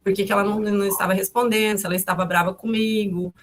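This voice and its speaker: A woman in her fifties tells what happened in a halting testimony. She repeats and restarts her words often. Her voice sits at a middle pitch, with a faint hiss in the background. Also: steady tone. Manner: calls her own way of speaking harsh and loud. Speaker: mother of the victim, interviewee. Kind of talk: emotional testimony recounting events.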